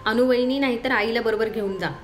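A woman's voice: fairly high pitch, a little fast, a little hiss or hum, lightly acted. A woman voicing a boastful teasing young man. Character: playful young man teasing his sister.

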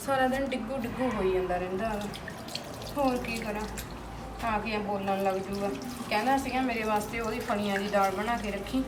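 A quarrelsome young daughter-in-law with a high voice, played by a woman. She grumbles in a steady stream about her in-laws. The audio is roomy and far off, with clear background noise. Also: lightly acted. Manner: complaining, rapid arguing. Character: fed-up young wife, quarrelsome then weary. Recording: echoey room from a far mic, noisy.

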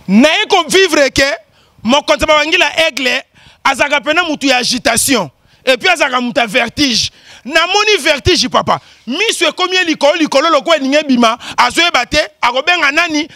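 A man with a very high, bright voice hosts the show with lively commentary. He teases and jokes, often stopping to exclaim and laugh. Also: moderate pace, no room sound, clean studio sound. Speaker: show host. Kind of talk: animated commentary.

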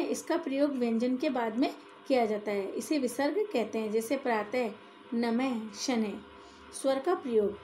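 A woman teaching a classroom grammar lesson, going through each point step by step and pausing to check in with her listeners. Her voice sits a little high but sounds soft and mellow. A faint hiss runs under the recording. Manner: explaining step by step, often adding "ठीक है".

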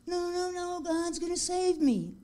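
A stubborn, praying man waits out a flood in a church joke, voiced by a woman. His refusals come high and insistent, with a soft, mellow tone. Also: measured pace.

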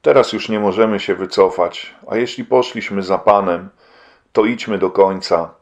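A man reading an audiobook and voicing a faithful preacher husband who speaks calmly, solemnly and with resignation. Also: low-pitched, moderate pace, highs cut off.

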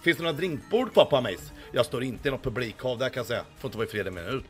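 Hoarse guy streaming and reading chat, swears a lot, bit of music behind. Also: medium pitch, expressive. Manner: crude, swearing, boastful banter. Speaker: livestreamer. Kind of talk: casual livestream chat, reading chat.

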